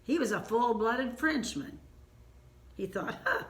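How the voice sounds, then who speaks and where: An older woman with an Ozark accent telling a family story in an unhurried, homespun way, with asides. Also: mid-range voice, a bit bright, echoey room.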